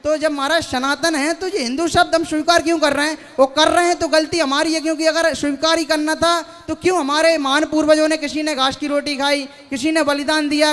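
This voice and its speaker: A man's voice: extremely high pitch, fairly bright tone. A young man in an audience, asking a spiritual teacher long, earnest and deferential questions. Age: young adult. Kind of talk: devotional question and answer.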